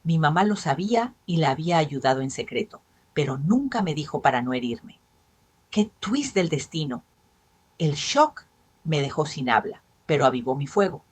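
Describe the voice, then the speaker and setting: A woman's voice: deep voice, very animated, normal speed, slightly rough, no echo. A woman narrating a dramatic first-person story with an emotional, storytelling manner.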